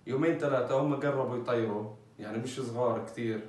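A man's voice: medium pitch, quick pace, a little mellow, far from the mic. A man casually explaining a bird he is caring for, with many fillers. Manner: chatty, many fillers, talks while handling birds. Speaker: bird keeper vlogger. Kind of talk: casual informative vlog. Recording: echoey, off-mic with faint ambience.

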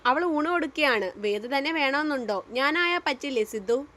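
A woman's voice: high-pitched, animated, normal speed, a bit bright. Woman voicing a coaxing young ex-fiancée. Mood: pleading. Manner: pleading, coaxing. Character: young woman, pleading then scornful ex-fiancée.

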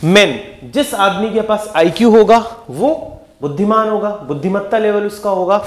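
A young man with a fairly high voice teaching vocabulary with lots of energy. He repeats each word and keeps asking his students quick questions, pushing them to focus and remember. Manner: lively, repeats words and asks quick questions to the class. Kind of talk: energetic exam-prep lesson.

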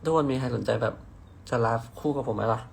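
A man's voice: mid-range voice, fast talker, vocal fry, a little hiss or hum. A young man from hosts a casual phone live stream. He reads out viewer comments in a playful, teasing way and swears casually. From Nakhon Si Thammarat, southern Thailand.

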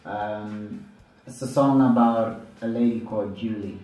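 A man in his thirties, a musician from Zambia, answering interview questions in a relaxed, unhurried way with fillers. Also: on the low side. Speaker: musician guest. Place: small studio room, indoors. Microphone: studio mic on stand, headphones. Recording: roomy, slightly distant mic with music underneath.

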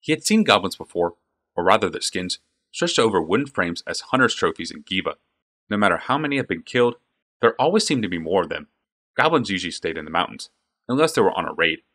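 A man narrating a fantasy audiobook with an expressive, varied delivery. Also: deep voice.

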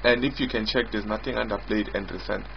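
Demoing his own app in an informal screen recording, a software developer halts often, repeating and rephrasing himself. His voice sits on the low side with vocal fry. The dull lo-fi mic adds a little hiss or hum, and music is prominent.

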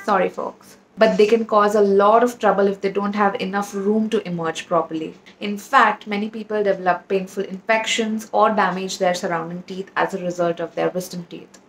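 A woman's voice: medium pitch, fairly even intonation, fairly quick, slight background noise, poor audio. A woman hosting a dental channel who says she sounds sleepy this early in the morning. She delivers scripted educational narration in an upbeat, playful, punny manner.

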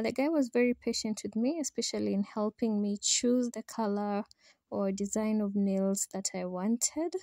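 Kenyan woman, gravelly dry vlog narration. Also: medium pitch, dark tone, no room sound. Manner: chatty, directs viewers. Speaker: vlogger. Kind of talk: voice-over travel vlog narration.

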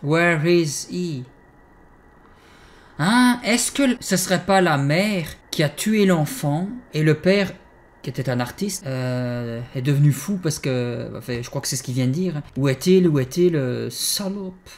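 A young man hosting a horror game let's play, excitable and swearing, yelping in fright and then muttering to himself. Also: a little high, unhurried. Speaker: gaming channel host.

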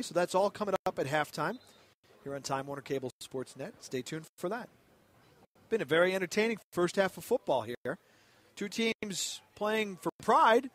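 A man's voice: a little high, fairly bright tone. A man calling a college football game as play-by-play announcer, conversational and a little rambling. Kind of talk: sports commentary.

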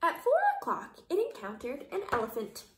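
A young woman reading a picture book aloud to young children, expressive and dramatic, pausing to explain and ask questions. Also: on the high side, a little hiss or hum. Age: young adult. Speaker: kindergarten teacher reading aloud. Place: living room at home. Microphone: camera or phone a short distance away. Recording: roomy indoor echo.

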